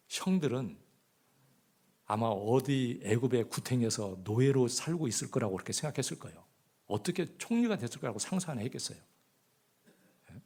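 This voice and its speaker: Husky Korean-speaking pastor preaching, animated. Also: male voice, mid-range voice. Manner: asks the congregation rhetorical questions; swings between loud emphasis and hushed asides. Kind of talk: sermon. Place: church.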